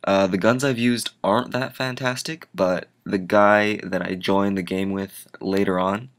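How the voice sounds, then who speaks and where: A man's voice: fairly low pitch, fairly even intonation, a little slow. A tired young man giving casual gameplay commentary, rambling and drifting off on tangents. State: tired, yawning. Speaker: gaming channel host.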